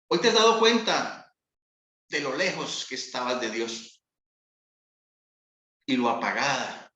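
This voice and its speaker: Slow, bright-voiced preaching man. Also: mid-range voice, reverberant. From Colombia. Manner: slow, solemn, with long pauses. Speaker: pastor. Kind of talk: sermon.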